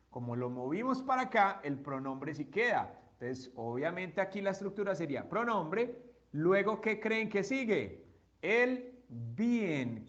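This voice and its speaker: High-voiced man teaching grammar. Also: a bit bright, dull audio. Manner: explains step by step, asks students questions. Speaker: English teacher. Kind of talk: classroom grammar lesson.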